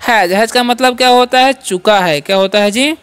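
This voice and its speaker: A man's voice: very high-pitched, moderate pace, fairly bright tone, clean tone. A man teaching English pronunciation as a channel host, asking questions of his students and answering them himself. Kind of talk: classroom-style language lesson.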